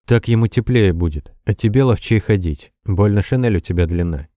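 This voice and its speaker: A man doing a calm, firm young pilot. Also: fairly low pitch, brisk, dry recording, studio quality, close to an everyday voice. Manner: calm and commanding.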